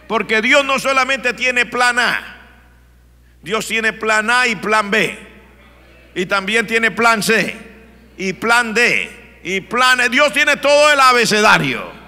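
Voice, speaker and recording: A man's voice: high voice, slow, long pauses, pushed and bright. A male pastor, preaching a sermon in an emphatic storytelling manner. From Colombia. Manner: storytelling, emphatic, plays the characters. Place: church. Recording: long church reverb.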